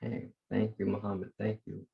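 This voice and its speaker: Brief: male meeting host on a video call, very low voice, steady and formal. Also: gravelly, breathy edge, muffled recording. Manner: measured, formal, reads prepared remarks. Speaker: youth council facilitator. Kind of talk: leading an online meeting.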